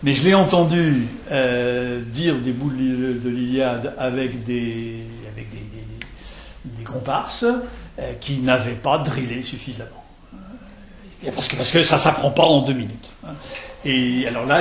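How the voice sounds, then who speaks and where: Halting man lecturing in a roomy hall. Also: mid-range voice. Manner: digressive, halting, with many restarts and fillers; recites verse in several languages, tapping out rhythm aloud. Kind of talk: university lecture on verse translation. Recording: roomy lecture hall recording, faint noise.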